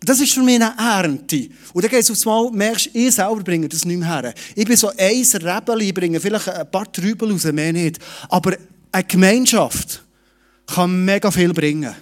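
A middle-aged man preaching a sermon in a lively, direct way, speaking to each listener personally. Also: high-pitched, moderate pace. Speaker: pastor.

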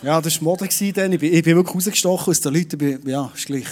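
A middle-aged man preaching a sermon in a lively, direct way, speaking to each listener personally. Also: fairly high pitch, very fast. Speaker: pastor.

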